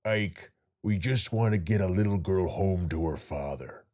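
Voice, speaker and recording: A man voicing a calm male investigator in an audiobook, speaking reassuringly and persuasively. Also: low-pitched, normal speed, lightly acted.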